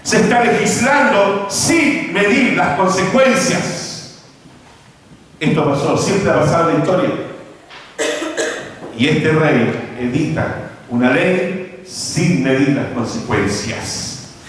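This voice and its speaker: A man preaching a sermon as pastor, his voice sweeping up and down in pitch. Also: expressive, slow pace, long pauses, a little hiss or hum. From Chile. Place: large church hall. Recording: echoey church hall, mic far off.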